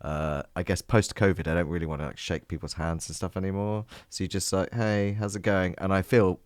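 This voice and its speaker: Deep-voiced man, playful podcast host. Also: fairly even intonation, fairly quick, a little mellow, dry recording, clean studio sound. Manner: playful, jokey, rambling with fillers. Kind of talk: casual podcast chat.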